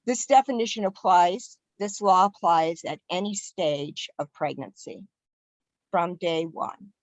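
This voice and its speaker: Low-voiced woman presenting a webinar. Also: a little slow, dry recording, low-quality recording. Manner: earnest, stresses key words. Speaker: civic league presenter. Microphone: video call.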